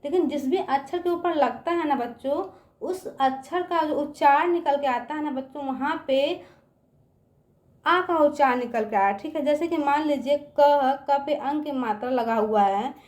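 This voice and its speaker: Woman teacher, high voice, slow letter-by-letter spelling, keeps checking the kids understand, roomy echo. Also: a little mellow. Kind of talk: children's spelling lesson.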